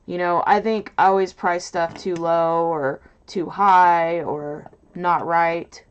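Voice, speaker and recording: A woman hosting a casual crafting livestream in a loud, nasal voice, rambling and hesitant with lots of fillers, from a mic set off to her side. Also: fairly low pitch, fairly even intonation, slow pace, smooth, highs cut off. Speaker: livestream host. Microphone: mic set off to the side, away from camera.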